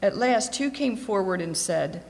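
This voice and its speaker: A woman reading scripture aloud in a steady, clear voice. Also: medium pitch, measured pace. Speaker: scripture reader. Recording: long echoing reverb.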